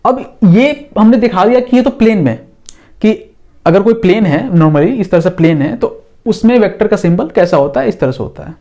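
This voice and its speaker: A man's voice: high-pitched, animated, moderate pace, warm tone. A man teaching a physics lesson in a casual, patient way, drawing on a board as he talks and often checking that the class follows.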